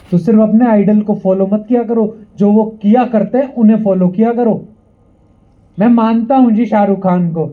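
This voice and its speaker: A young man giving a motivational speech to a live audience at an event hall, rousing the crowd and repeating lines for them to call back. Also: high-pitched. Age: young adult. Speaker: motivational speaker. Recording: tinny phone-like sound.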